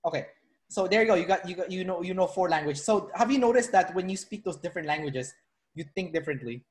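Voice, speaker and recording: A Filipino man, working as a personality trainer, hosts a casual video-call interview in a high voice with lively intonation and a quick pace. His sentences ramble loosely, packed with fillers and restarts.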